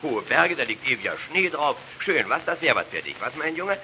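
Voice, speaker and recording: A man's voice: medium pitch, big pitch swings, brisk, voice pushed up. A man playing a pompous, middle-aged father who fumbles through an explanation with hesitations. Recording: dull noisy old record.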